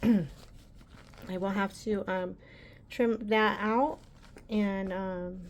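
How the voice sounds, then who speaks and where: A woman's voice: medium pitch, fairly even intonation, extremely slow. A woman hosting a casual embroidery tutorial, chatty and rambling with frequent ums.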